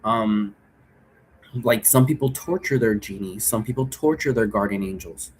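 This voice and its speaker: Speaking at a normal pace in a lowish voice, this host of an occult divination tutorial rambles informally to his viewers, repeating himself and checking in as he goes. There's slight background noise.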